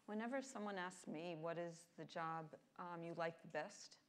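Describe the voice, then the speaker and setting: Woman interviewer, lower voice, upbeat and direct. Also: normal speed, slight background noise. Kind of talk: onstage interview.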